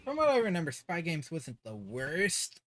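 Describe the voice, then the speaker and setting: A man's voice: fairly high pitch, wildly swooping pitch, normal speed, fairly bright tone, faint music behind. A man giving casual, laid-back commentary while playing a video game. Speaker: let's play host.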